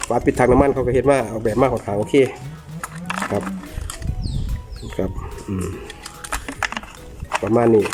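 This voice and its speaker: A man's voice: mid-range voice, unhurried, long pauses, over music. A man with an Isan accent, a chainsaw repairman unboxing and reviewing a saw in a chatty, joking way, talking to his viewers as brothers and sisters. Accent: Isan (Northeastern Thai). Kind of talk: casual product unboxing review.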